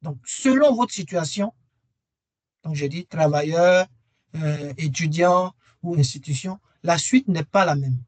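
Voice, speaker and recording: A man's voice: on the high side, a little slow, no echo. A man presenting a webinar and earnestly persuading listeners to join his training course, repeating key phrases for emphasis. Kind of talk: webinar sales pitch.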